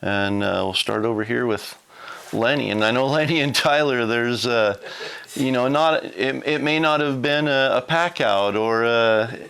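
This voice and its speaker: A man hosting a casual round-table recap, talking in an easygoing, relaxed way. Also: mid-range voice, unhurried, gravelly. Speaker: host.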